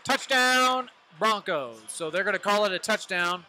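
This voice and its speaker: A man's voice: high-pitched, animated, unhurried, background noise. A young man co-hosting a live football watch party in a bar, with casual commentary and cocky, teasing banter. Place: in a bar or brewery.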